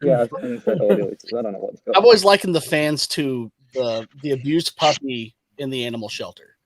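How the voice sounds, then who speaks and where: Gravelly man, muffled as if into a cup. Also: on the high side, animated, brisk, dry recording. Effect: muffled, as if speaking into a cup. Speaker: podcast panelist. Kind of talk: casual chat.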